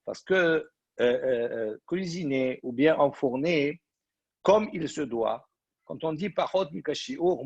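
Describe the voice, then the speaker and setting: A man, a rabbi, teaching a Talmud study class. He explains step by step and reads Aramaic phrases slowly before translating them. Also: on the high side, creaky, husky, dry recording. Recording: dull lo-fi recording.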